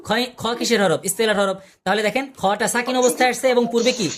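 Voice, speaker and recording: Patient teacher on a video call. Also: male voice, extremely high pitch, steady tone, fast talker, a loud crowd. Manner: patient, repeats sounds and asks the class questions. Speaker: Quran recitation teacher. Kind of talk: online tajweed class.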